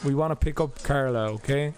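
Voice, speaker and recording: A man's voice: medium pitch, a little fast, darkish tone. A young man casually commenting as he plays a video game, chatty and rambling, often correcting himself mid-sentence. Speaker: let's play host.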